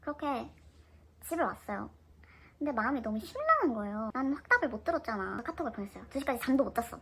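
Woman, 20s, higher voice, animated storyteller for a casual storytime vlog. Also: quick pace, creaky, slightly rough, rough recording. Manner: chatty, animated retelling of her own story.

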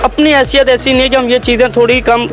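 Male shopkeeper, 30s, high-pitched, eager sales patter, market shop with background music. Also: flat delivery, fast, low-quality recording. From Pakistan. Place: crowded clothing market shop, indoors.

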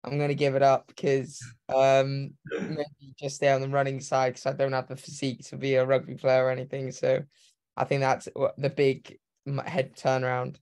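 Casting: young man in his 20s from Hong Kong, flat delivery, rambling and eager, webcam call sound. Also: medium pitch, normal speed, clear, resonant tone. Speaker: guest, professional runner. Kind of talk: casual interview. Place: home room. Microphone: video call webcam.

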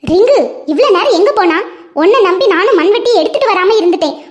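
A woman with a Kanyakumari Tamil accent voicing a busy village grandmother in a cartoon story, brisk and scolding. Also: extremely high pitch, lively intonation.

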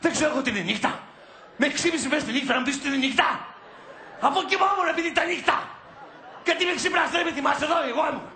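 An actor playing a hot-tempered, sleepy husband who shouts, swears and repeats himself. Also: male voice, extremely high pitch, a little hiss or hum, heavily acted. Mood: ranting. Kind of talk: comedic film acting. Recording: roomy echo.

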